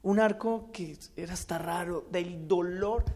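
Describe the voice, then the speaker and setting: A man gives an earnest religious testimony, shifting between loud and hushed. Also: high-pitched, a little slow. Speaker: speaker giving a testimony.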